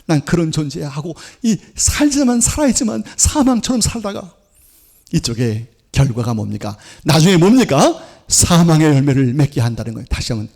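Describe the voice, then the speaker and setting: A man's voice: fairly high pitch, a little mellow, breathy edge. A male pastor preaching a Sunday sermon in church, often turning to the congregation with questions and answering them himself. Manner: acts out accusing voices of law and sin. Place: church sanctuary.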